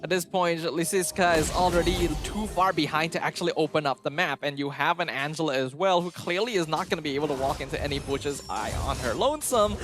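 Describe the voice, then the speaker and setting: A man's voice: on the high side, quick pace, few pauses. A man giving live esports commentary as the analyst, fluent, emphatic and opinionated. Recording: music under the commentary. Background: music.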